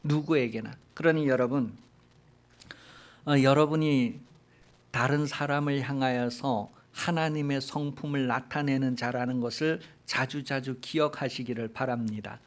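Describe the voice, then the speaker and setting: A male pastor preaching a sermon and retelling a Bible story in a colloquial, animated way. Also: mid-range voice, measured pace.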